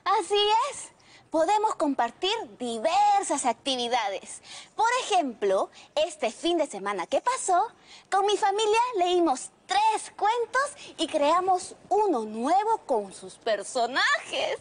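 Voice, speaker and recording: Very high, bubbly woman host. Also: big pitch swings, slow. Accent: Peruvian Spanish. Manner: bubbly, enthusiastic. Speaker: children's program host. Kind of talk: cheerful scripted kids' TV hosting.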